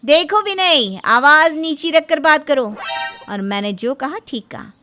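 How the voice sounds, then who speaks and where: A woman's voice: on the high side, expressive, moderate pace, soft background music, natural voice. A woman voicing a proud, ambitious young wife who has become an officer, speaking in a haughty and dismissive way. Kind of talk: Hindi storybook voice acting.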